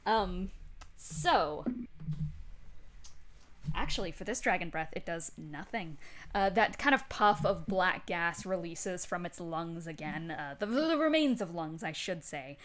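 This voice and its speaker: A woman running a tabletop game as game master, describing scenes in a drawn-out, halting, dramatic way. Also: on the low side, animated, fairly bright tone. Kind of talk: improvised tabletop game narration.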